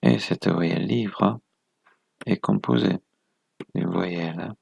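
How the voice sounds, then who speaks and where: A man's voice: deep voice, takes it slowly, creaky, a little mellow, breathy edge, no echo. A man presenting a video lesson, explaining step by step in a methodical way, counting items aloud and correcting himself as he goes.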